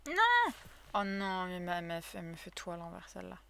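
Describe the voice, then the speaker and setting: Her voice is lowish, creaky and a bit bright, with a level tone and a slightly fast pace, over slight background noise. Streaming a cozy game, the woman chats casually with viewers, counts items aloud, and cries out in frustration when things go badly.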